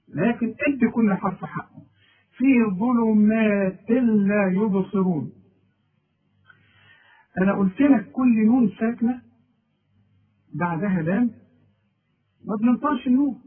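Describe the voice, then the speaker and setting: Egyptian guy teaching tajweed, high husky voice, sounds like an old phone-quality tape. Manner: patient, repeats and corrects pronunciation. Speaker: Quran recitation teacher. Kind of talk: tajweed lesson with recitation. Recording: tinny lo-fi tape recording.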